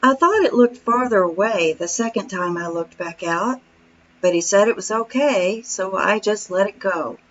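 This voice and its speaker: A woman's voice: medium pitch, normal speed, fairly bright tone, slight background noise. Woman narrating a boat diary, slightly dull sound. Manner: storytelling, reading from a script. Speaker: vlog narrator. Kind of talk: scripted voice-over narration.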